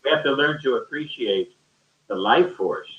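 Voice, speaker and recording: A man who is a teacher speaks off the cuff in an online discussion, rambling, colloquial, and emphatic. His mid-range voice is animated at a moderate pace, and the call audio sounds dull, echoey, and distant from the microphone.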